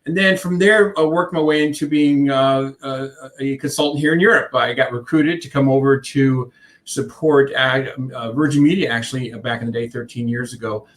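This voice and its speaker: A man in his fifties from Iceland, who works as a contact centre consultant, answers interview questions in a rambling way full of restarts and fillers. His mid-range voice holds a steady tone at normal speed.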